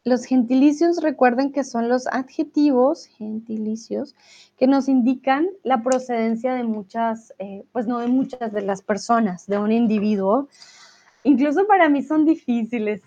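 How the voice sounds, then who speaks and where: Woman, slow and patient language teacher on a live stream, higher voice, dull lo-fi audio. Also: mellow. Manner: patient, explains slowly, chats with viewers. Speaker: Spanish teacher. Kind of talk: live-streamed lesson reading chat.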